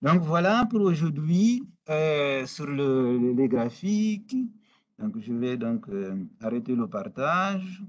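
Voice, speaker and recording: A man's voice: mid-range voice, expressive. A man whose first language is Portuguese, speaking with a Portuguese-speaking accent and wrapping up an online course as instructor, often restarting his words. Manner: halting, many restarts and fillers.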